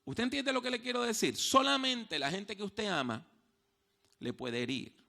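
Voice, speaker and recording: An expressive male preacher with a high, piercingly bright voice and some vocal fry tells stories during a church sermon. He swings between hushed softness and loud, raised delivery, and his main phrases get repeated slowly for weight.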